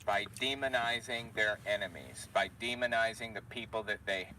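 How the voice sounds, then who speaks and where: Man talking things through casually, bright tone, set back from the mic. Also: fairly low pitch, steady tone, moderate pace, recorded from a distance, slight background noise, poor audio. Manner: explaining, conversational. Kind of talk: casual commentary.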